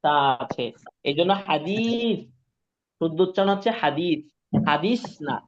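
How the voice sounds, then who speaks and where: A fast-talking man whose voice sits on the high side teaches Quran pronunciation live online. He's patient, goes over points again and again, and regularly asks if students are with him, all captured in dull lo-fi sound.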